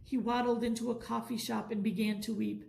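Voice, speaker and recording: Reading aloud a bedtime story for children, this woman tells it expressively and deliberately. Her voice sits fairly high with vocal fry, and the recording is of poor quality.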